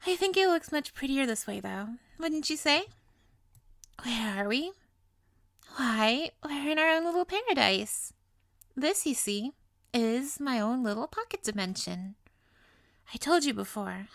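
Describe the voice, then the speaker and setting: A woman with a fairly high, creaky voice plays a sweet, playful young witch who is possessively lovestruck, in an intimate audio roleplay. Her delivery is coy, doting and theatrical, and the sound is clean studio quality with no echo.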